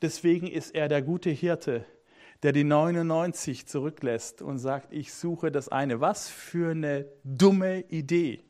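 Man preaching, high voice, reads scripture then builds emphatic repeated phrases, speaks straight to the listener. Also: takes it slowly, warm tone. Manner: interjects hallelujah, addresses listener directly. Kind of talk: sermon reading and explaining scripture.

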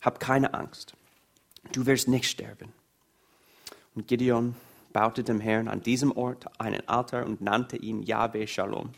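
Slow, earnest male preacher. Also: medium pitch, level tone, vocal fry. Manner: slow, earnest preaching, reading Bible passages aloud. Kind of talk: sermon.

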